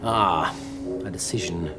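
A man's voice: sits low, slow, music in the background. An actor playing an enigmatic male time traveller who ponders aloud in a philosophical way, in a 1980s TV drama scene. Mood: brooding.

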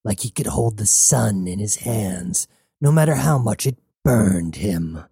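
A man voicing a hulking male cyborg captain, a menacing former mercenary with a gravelly, growling voice. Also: fairly low pitch, lively intonation, warm tone, dry recording, clean studio sound, full character voice. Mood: grim. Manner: slow, grim and threatening. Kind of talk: audiobook character voice.

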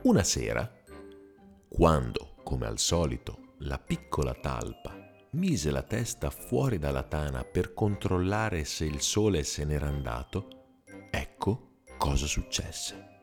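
A man reading a children's picture book aloud in a slow, expressive storytelling voice. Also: a bass voice, faint music behind.

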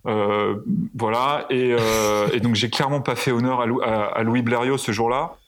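A man's voice: mid-range voice, fairly even intonation, normal speed. Pilot guy rambling through flying stories, hesitant, fillers everywhere, average voice. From France. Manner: hesitant, many fillers and restarts. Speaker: pilot guest. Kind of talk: casual storytelling interview.

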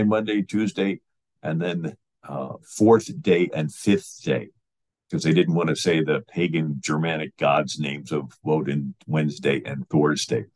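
A man's voice: rumbling low, a little mellow. A man explaining church history in an informal storytelling manner, with frequent fillers and restarts. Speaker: history lecturer.

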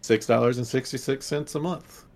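A man's voice: medium pitch, normal speed, creaky, darkish tone. A young man co-hosting a podcast, chatting casually with friends in a laid-back, dry way. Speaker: podcast co-host. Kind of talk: casual chat among friends.

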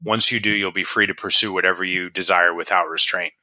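Bright-toned man hosting a podcast. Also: deep voice, fairly even intonation, a little fast, no echo. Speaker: podcast host. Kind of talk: casual podcast interview.

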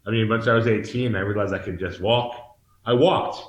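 Fairly quick and fairly even in intonation, this lowish male voice belongs to a forties-aged Massachusetts man. He candidly recounts his life story as an interview guest, earnest and searching, often restarting, in an echoey room in Mexico.

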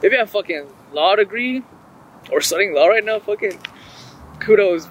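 A young man with a slightly high voice chats casually on a podcast. He talks like a frat bro, sweary and slangy, over faint outdoor background noise. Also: expressive, normal speed, fairly bright tone, rough recording. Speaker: podcast host.

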